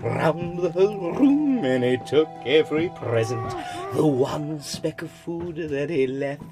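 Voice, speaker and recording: An actor playing a manic, mocking clown villain in a theatrical, creaky voice with a slow sing-song delivery. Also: male voice, a little high, animated, over music. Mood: sinister relish. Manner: slow, sing-song recital broken by cackling.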